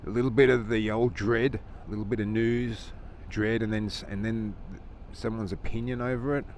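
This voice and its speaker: This motovlogger speaks from within his helmet as he rides outdoors, offering a casual, opinionated ramble punctuated by chuckles in a conversational manner. His voice is fairly low, a little mellow, and fairly even in intonation, at a moderate pace. Engine and traffic sounds fill the background.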